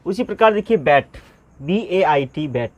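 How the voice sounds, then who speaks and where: A man teaching pronunciation, asking questions and answering them himself, spelling words out slowly letter by letter. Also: fairly high pitch, expressive, darkish tone, no echo. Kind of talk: Hindi classroom-style lesson.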